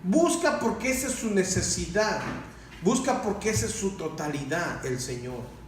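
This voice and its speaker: A man preaching a sermon as pastor, animated, asking rhetorical questions and rising to loud emphatic passages. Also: high voice, normal speed. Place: church hall. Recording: very echoey hall, mic far off, faint noise.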